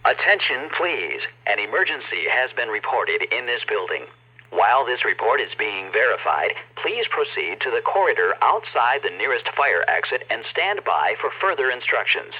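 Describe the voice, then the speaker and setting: A man's prerecorded evacuation instructions play over a fire alarm loudspeaker with a dull, lo-fi sound. His voice is husky, and his pitch moves a lot as he speaks in a formal, deliberate way. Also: very animated. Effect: played over a building fire alarm loudspeaker. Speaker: recorded evacuation announcer. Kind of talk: prerecorded emergency announcement.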